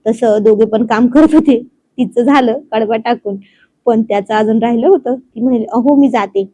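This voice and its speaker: A woman narrating a romantic serial story in a steady, linking storytelling manner. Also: on the high side, normal speed, dry recording, poor audio.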